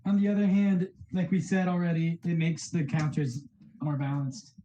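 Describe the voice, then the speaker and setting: Man, slow and relaxed, mellow tone, echoey room mic. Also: fairly high pitch, slight background noise. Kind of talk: casual group chat.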